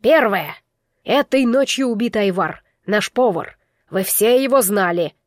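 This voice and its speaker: A woman voicing a stern older male garrison commander who speaks curtly and slowly, commanding the room. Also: mid-range voice, animated, no echo, natural voice. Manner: curt, commanding, measured.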